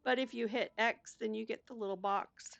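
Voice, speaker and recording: An older woman chatting casually as she plays a cozy game, talking herself through each step in a soft voice. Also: a little high, steady tone, moderate pace, vocal fry, no room sound, dull audio. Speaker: gaming YouTuber. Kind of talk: casual gameplay commentary.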